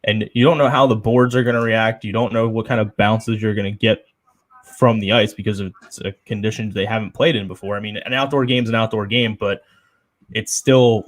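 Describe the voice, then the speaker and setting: A young man co-hosting a casual sports chat show, rambling and opinionated with lots of fillers. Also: on the low side. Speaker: podcast co-host.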